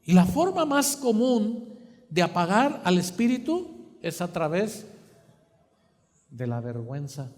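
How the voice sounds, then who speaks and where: A man preaching a sermon, asking the congregation to finish his sentences, moving between quiet and emphatic. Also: sits high, sing-song, slow, long pauses. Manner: asks the congregation questions for them to fill in. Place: church hall. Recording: long church hall reverb.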